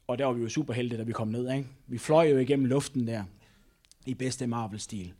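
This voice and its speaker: A man's voice: mid-range voice, darkish tone. A man preaching a sermon, telling a personal story and retelling a Bible passage with many repetitions and tag questions.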